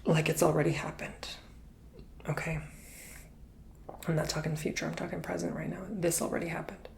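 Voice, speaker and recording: A man giving an intimate, chatty ASMR tarot reading, drifting between soft speech and whispers and calling the listener honey. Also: a little high, little pitch movement, moderate pace, vocal fry, noisy background. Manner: repeats words for emphasis. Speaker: tarot reader.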